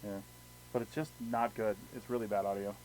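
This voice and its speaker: A man's voice: lowish voice, fairly even intonation, brisk. A man hosting a casual live podcast, chatting in a blunt, matter-of-fact way over hissy, static-laden audio. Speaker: podcast host.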